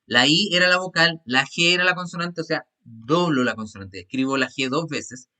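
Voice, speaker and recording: A man's voice: fairly high pitch, moderate pace, pushed and bright. A man teaching an English class over a video call, patiently repeating grammar rules step by step. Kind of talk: online class explanation.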